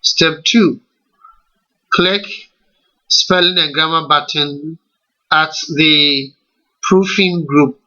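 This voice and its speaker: Slow and methodical, a Ghanaian-accented man explains a software tutorial step by step via screen recording, asking rhetorical questions of his learners. His pitch is fairly high and his tone sharp, with lo-fi sound.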